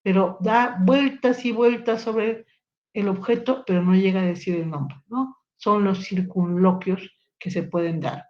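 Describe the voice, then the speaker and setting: A woman's voice: medium pitch, a little slow, a little mellow, muffled recording. A woman giving a neurology lecture, explaining step by step and checking in with rhetorical tag questions. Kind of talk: recorded lecture.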